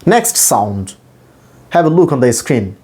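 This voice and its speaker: A man from a Bengali-speaking Bangladeshi background gives English pronunciation lessons, repeating and demonstrating each point with care. His mid-range voice is warm and moves through big pitch swings.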